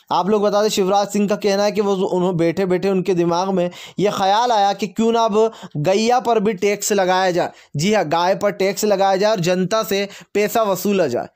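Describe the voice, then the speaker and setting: A man presenting a fast, emphatic, opinion-heavy news rundown, leaning on catchphrases and fillers. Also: sits high, darkish tone.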